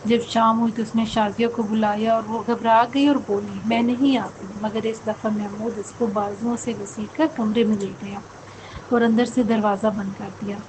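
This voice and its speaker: A woman narrating a scripted story in a steady, even storytelling delivery. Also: mid-range voice, noisy background.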